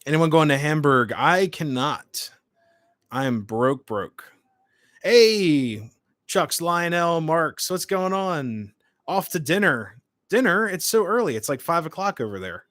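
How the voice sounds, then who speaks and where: A man's voice: a little high, animated, takes it slowly, fairly bright tone, no room sound, clean studio sound. A man in his late twenties hosting a livestream, chatting informally and hopping between short remarks as he answers comments. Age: late 20s. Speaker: livestream host. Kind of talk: casual livestream chat, reading and answering comments.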